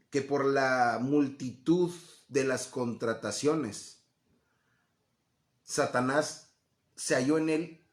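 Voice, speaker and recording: A man teaching from the Bible in a conversational way, often checking in with listeners and acting out quoted voices. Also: mid-range voice. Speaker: preacher. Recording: echoey room.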